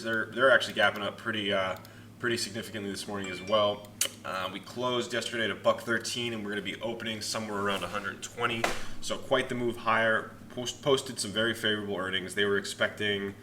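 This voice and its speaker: Young man, lowish pitch, forceful bright tone, informal stock commentary, chatty host, faint background noise. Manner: informal, chatty, hedges his opinions. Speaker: host of a stock market analysis channel. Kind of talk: casual market commentary to viewers.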